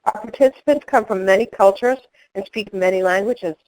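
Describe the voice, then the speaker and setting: A middle-aged woman giving a training webinar, speaking in a clear, measured instructional way. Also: mid-range voice, a little mellow, a little hiss or hum, poor audio.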